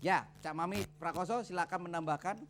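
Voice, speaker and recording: A man's voice: sits high, fairly quick, gravelly, a bit bright, a little hiss or hum. A man co-hosting a comedy quiz, opening a round with formal announcer phrasing. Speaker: quiz co-host.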